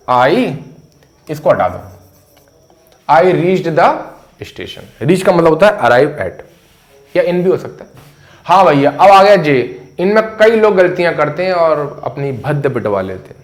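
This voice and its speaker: A man's voice: fairly high pitch, very animated, slow, long pauses. A man teaching English pronunciation at a board in a chatty, jokey way, repeating key words to drill them. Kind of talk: casual classroom lesson at a board.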